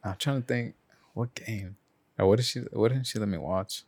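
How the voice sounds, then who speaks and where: A man's voice: fairly low pitch, normal speed, darkish tone. A man hosting a podcast in casual, slangy, rambling banter with swearing. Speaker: podcast host.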